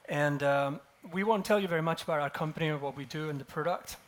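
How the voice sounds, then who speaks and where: A man's voice: fairly high pitch, fast talker. A man in his forties speaking at a conference, telling a grim personal story wryly and with a self-deprecating humor. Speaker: conference speaker, company co-founder. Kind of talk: conference talk with personal anecdote. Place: conference stage.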